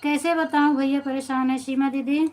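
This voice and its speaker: High-voiced Awadhi-accented woman chatting live. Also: little pitch movement, moderate pace, darkish tone, slight background noise, rough recording. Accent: Awadhi-inflected Hindi. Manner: chatty, complaining, greets viewers by name. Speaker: live-stream host and folk singer. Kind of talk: casual live-stream chat with viewers.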